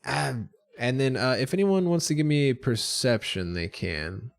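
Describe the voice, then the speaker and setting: A young man narrating a tabletop game as game master, relaxed and hesitant, with many fillers. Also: mid-range voice, normal speed, no echo.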